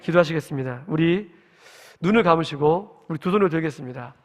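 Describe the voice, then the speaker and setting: A man's voice: on the high side, lively intonation, fairly quick. Earnest man preaching in a reverberant church. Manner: earnest, conversational preaching with rhetorical questions. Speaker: pastor. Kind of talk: sermon. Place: church sanctuary at early-morning service. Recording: long reverb in a church hall.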